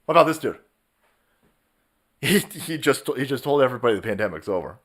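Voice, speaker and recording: A man hosting his own live stream and ranting in a profane, mocking voice. His voice swings widely in pitch as he laughs at and jeers at what he is reacting to. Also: big pitch swings, brisk, a bit bright.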